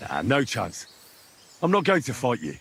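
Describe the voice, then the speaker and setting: A man's voice: medium pitch, wildly swooping pitch, normal speed, gravelly, a bit bright, slight background noise, full character voice. A man voicing a young medieval adventurer in a video game, nosy, blunt and teasing. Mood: backing off. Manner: teasing, questioning. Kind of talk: video game character dialogue.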